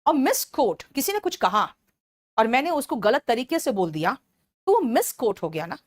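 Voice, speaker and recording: Woman exam-prep teacher, Indian English accent, slightly high pitch, patient and explanatory. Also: very animated. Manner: explains each word slowly, checks in with students often. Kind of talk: exam-prep vocabulary lesson.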